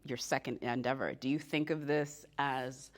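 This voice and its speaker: Low-voiced woman interviewer, upbeat. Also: fairly even intonation, moderate pace. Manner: upbeat, laughs often. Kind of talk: entertainment interview.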